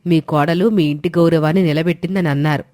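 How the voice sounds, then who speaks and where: A woman's voice: sits low, fairly even intonation, a little fast, dry recording, studio quality, close to an everyday voice. A woman as a stern proud mother-in-law. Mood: defiant. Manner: forceful, scolding. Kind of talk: storybook drama voice.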